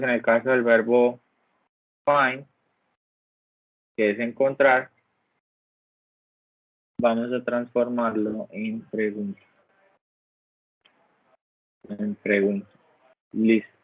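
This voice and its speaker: A patient man teaches English grammar to an online class, explaining each step carefully and checking in often with a repeated "¿listo?". His voice sits in the mid range. Recorded over a video call, the audio is dry and phone-like with no room sound.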